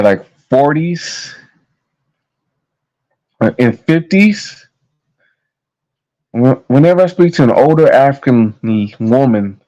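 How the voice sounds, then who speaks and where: A man's voice: mid-range voice, darkish tone, dull audio. An American man in his thirties talking to his viewers in a casual, heated monologue, blunt and full of profanity. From United States. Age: 30s. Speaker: vlogger.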